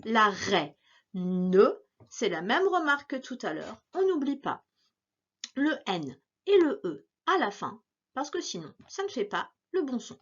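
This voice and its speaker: A woman teacher reads a dictation to young pupils, pronouncing every word slowly and saying it twice. Her fairly high voice rises and falls in a lively singsong way. The recording sounds dull and lo-fi. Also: husky. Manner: slow, carefully articulated, repeating each word.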